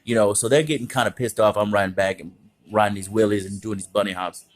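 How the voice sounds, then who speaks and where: A man casually telling profane, animated stories, often jumping into other voices. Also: fast talker. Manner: animated, profane, acts out voices with big pitch jumps. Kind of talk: casual storytelling.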